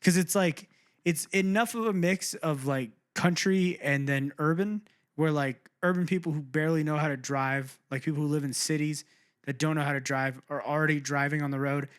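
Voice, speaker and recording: A man's voice: a little high, moderate pace, smooth. A man co-hosting a casual podcast, joking around and laughing often. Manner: laughs often, jokey, puts on silly voices. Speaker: podcast co-host.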